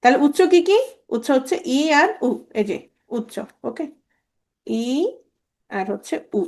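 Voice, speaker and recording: A woman teaching a grammar lesson, drilling sounds over and over and quizzing her students with quick questions. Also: a little high, animated. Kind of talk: grammar lecture.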